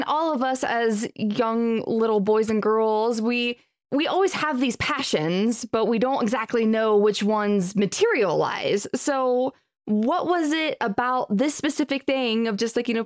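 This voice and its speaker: Podcast host, woman, high voice, effusive, dry studio sound. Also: no echo. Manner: enthusiastic, effusive questions. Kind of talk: podcast interview.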